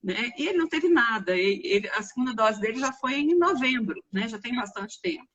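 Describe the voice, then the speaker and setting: A woman from Brazil, a mother interviewing a doctor, talking in a relaxed conversational way while she has a cough. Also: fairly high pitch, a little fast, highs cut off. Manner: relaxed, conversational, shares personal stories. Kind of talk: casual interview chat.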